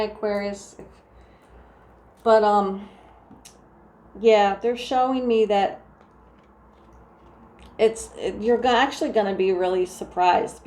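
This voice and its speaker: A woman with a New Jersey accent doing a casual tarot reading, talking softly and meandering through restarts. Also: medium pitch. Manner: soft, meandering, full of restarts and "like". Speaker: tarot reader. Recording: echoey room with faint ambient noise.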